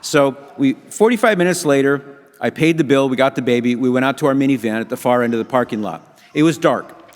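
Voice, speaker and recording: A man of medium pitch tells a humorous story to a conference audience and acts out the voices of the people in it. His voice carries a long reverb from the large hall he speaks in. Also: fairly quick. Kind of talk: storytelling talk.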